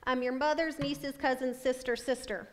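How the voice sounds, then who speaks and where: A woman's voice: sits high, fairly even intonation, normal speed, close to an everyday voice. A woman playing a sassy, unbothered waitress in a stage comedy, dry and insolent. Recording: echoey hall, stage recording.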